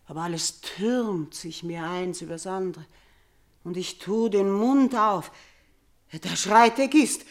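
An actress playing an aging queen and mother haunted by nightmares, in theatrical 1950s radio drama style, swinging from loud cries to hushed near-whispers. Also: fairly low pitch, lightly acted.

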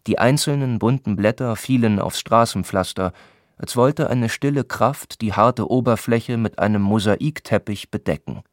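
A man calmly reading a literary novel aloud in a measured, descriptive way. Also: on the low side, no echo, studio quality. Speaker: audiobook narrator. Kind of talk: scripted literary narration.

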